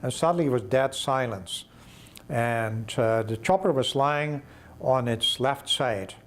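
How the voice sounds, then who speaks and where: Brief: older man, mid-pitched, lively documentary storyteller, faint background hiss. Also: unhurried. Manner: vivid storyteller, acting out dialogue.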